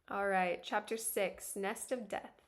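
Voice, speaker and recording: A woman streaming live, reading a webtoon aloud and reacting with lots of giggles. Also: on the high side.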